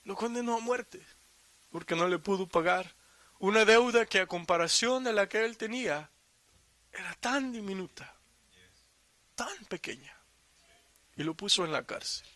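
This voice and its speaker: A man's voice: high-pitched, a little slow, long pauses, pushed and bright, dry recording. A man preaching a sermon in Spanish, reading scripture aloud and explaining it with emphatic asides and rhetorical questions. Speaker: pastor.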